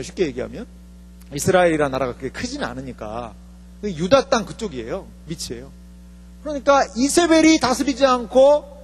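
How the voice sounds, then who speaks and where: Pastor guy preaching, high voice, jumps all over in pitch, keeps quizzing the church, echoey hall. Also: breathy edge. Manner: animated, asks the congregation questions. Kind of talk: sermon. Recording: reverberant hall with faint mains hum.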